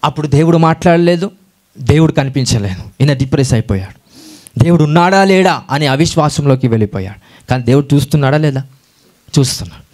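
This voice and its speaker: A man's voice: a little high, lively intonation, fast, a little mellow. A man with a Telugu accent preaching a sermon, often calling out hallelujah and putting questions to the congregation. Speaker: pastor.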